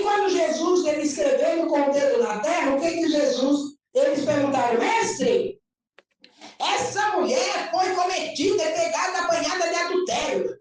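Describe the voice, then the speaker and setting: A woman pastor with a Brazilian Portuguese accent, preaching a lively, chatty sermon and often checking that the congregation follows her. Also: high voice. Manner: animated and chatty, often asking listeners if they follow. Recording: echoey room recorded from far off.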